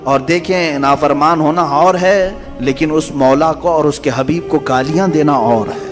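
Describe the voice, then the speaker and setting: A man preaching a sermon, impassioned and rising to loud emphatic peaks. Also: a little high. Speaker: Islamic preacher. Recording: echoey hall with music behind.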